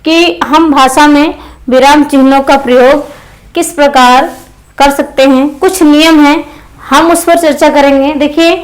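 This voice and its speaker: A woman's voice: sits high, rough recording. A woman teaching an exam-prep grammar lesson, who repeats key phrases and puts questions to her students.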